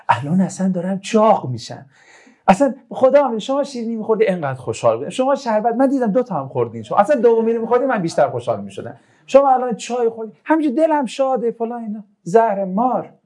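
A man delivers a relaxed religious talk, telling stories and tossing joking asides to the people around him. His pitch swings widely as he speaks. His tone is soft and mellow. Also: husky. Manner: chatty, joking asides to listeners. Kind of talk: informal religious talk with storytelling.

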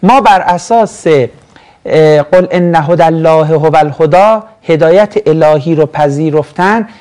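A man's voice: a little high, a little mellow. A man from Mashhad teaching a classroom lesson on Quran verses, chatty and joking, often asking his students questions. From Mashhad, Iran. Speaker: religious studies teacher.

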